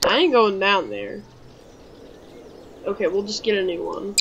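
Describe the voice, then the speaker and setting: A woman's voice: medium pitch, unhurried, highs cut off, background noise. A woman giving let's play commentary, jumpy and yelping when startled. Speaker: gamer.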